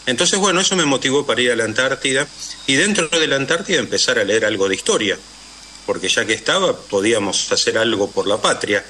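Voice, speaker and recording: A man's voice: mid-range voice, expressive, fairly quick, sharp tone, slight background noise. A man with a Rioplatense Spanish accent, a guest in a radio interview, telling historical stories with frequent "eh" and "este" fillers.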